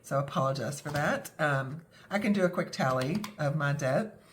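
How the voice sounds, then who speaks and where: A woman's voice: low voice, normal speed. A young adult woman with a scratchy throat from a cold, talking casually and self-deprecatingly, with many fillers. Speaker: budgeting vlogger. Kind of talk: casual talk to camera.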